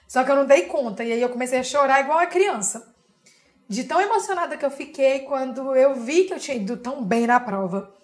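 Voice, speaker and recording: Young brazilian woman w a high voice, chatty storytelling in an interview, keeps tacking on little questions. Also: fairly quick. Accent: Brazilian Portuguese. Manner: lively storytelling with frequent tag questions. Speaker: interview guest. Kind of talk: personal story told in an interview.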